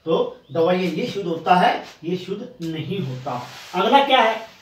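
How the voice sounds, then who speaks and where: A man teaching a Hindi spelling lesson, explaining step by step and drawing out each syllable slowly. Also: high voice, very animated. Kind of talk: classroom spelling lesson at a board. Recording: echoey room, far from the mic, faint noise.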